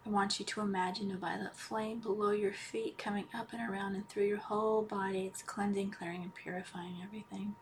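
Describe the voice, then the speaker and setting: Hushed woman guiding meditation, right in your ear. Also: medium pitch, level tone, fairly quick, few pauses, slight background noise. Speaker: podcast host and healer leading a guided meditation. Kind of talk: guided healing meditation.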